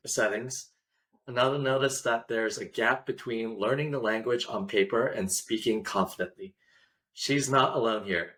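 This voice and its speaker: A man hosting a podcast, reading a scripted introduction and asking relaxed follow-up questions. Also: medium pitch, poor audio. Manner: scripted intro, then easy conversational questions. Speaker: podcast host.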